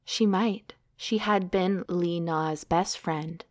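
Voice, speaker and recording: A woman's voice: fairly low pitch, steady tone, takes it slowly. A woman co-host reading a novel aloud, with casual commentary along the way.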